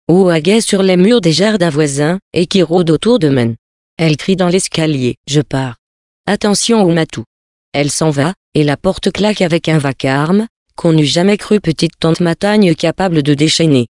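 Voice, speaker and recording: A narrator reading old tales in a measured, literary manner. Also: mid-range voice, darkish tone, dry recording, clean studio sound.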